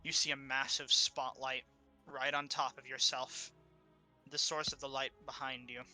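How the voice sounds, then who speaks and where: A man narrating a tabletop game as game master, in a halting, descriptive way with many fillers. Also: medium pitch, little pitch movement, sharp tone, soft background music.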